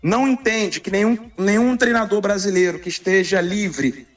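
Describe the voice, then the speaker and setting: A man phoning in as a sports reporter on speakerphone, giving a measured, informative report with the occasional filler. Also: high voice. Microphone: phone on speakerphone. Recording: distant speakerphone call.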